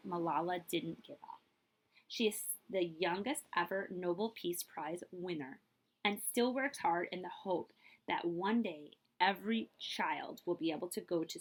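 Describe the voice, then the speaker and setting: This woman tells a children's picture book story with expressive emphasis, the way a librarian might at story time. Her voice is fairly low with vocal fry, and the audio quality is poor.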